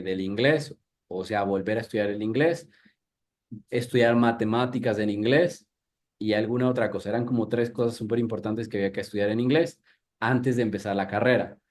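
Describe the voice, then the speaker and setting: Here the Ecuadorian teacher, a man in his thirties, has a fairly low, darkish voice at normal speed. He conducts a live English workshop conversationally, with many restarts and questions for the audience.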